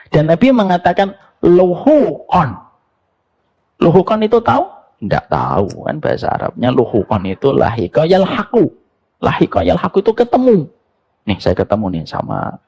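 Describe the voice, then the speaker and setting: A male preacher with a gravelly edge to his voice, delivering a sermon in a lively, swinging tone. He tells stories, tosses rhetorical questions at the crowd and slips in light jokes. His pitch rises and falls widely as he drives his points home. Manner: animated storytelling, mixing jokes and rhetorical questions. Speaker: Islamic preacher.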